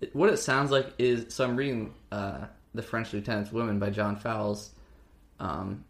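Chatting casually on a podcast he co-hosts, a young man rambles a bit and occasionally puts on a fake-ad voice. He has a lowish, gravelly tone, fairly even intonation and a normal speaking speed.

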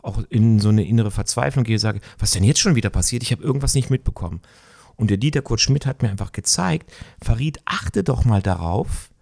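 A middle-aged man talking reflectively in a conversation, searching for words and often pausing with fillers. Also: fairly low pitch, lively intonation, creaky, a little mellow, no echo, studio quality. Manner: thoughtful, searching, with many fillers.

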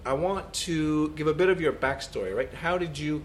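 A man's voice: on the high side, normal speed, slight background noise. A man hosting an interview, asking the guest friendly, rambling questions with a few restarts. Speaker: podcast host.

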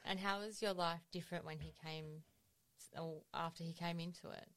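A woman interviewing a guest, gentle and affirming, asking careful follow-up questions. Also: lowish voice, fairly even intonation, moderate pace. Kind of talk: empathetic interview.

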